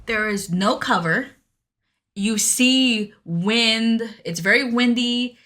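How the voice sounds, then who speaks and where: Here the same kind of casual podcast chat comes from a young woman whose voice is a little high and somewhat bright. She takes her time, staying friendly and chatty while reading listener email and contact information.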